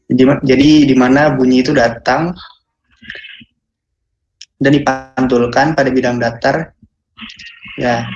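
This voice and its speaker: A young man giving a relaxed student presentation, filling pauses with "ya" and hesitations. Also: medium pitch, dull audio, slight background noise. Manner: relaxed, many fillers and tag "ya". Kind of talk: casual online presentation.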